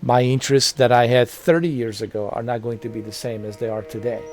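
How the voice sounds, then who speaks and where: Fairly quick and fairly even in intonation, this mid-range male voice belongs to a gaming channel host in his 40s speaking casually to camera. He wanders from point to point, repeating himself and using many fillers.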